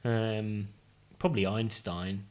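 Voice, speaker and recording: A man's voice: on the low side, fairly even intonation, slow. A man who is a scientist, co-hosting a podcast in casual chat.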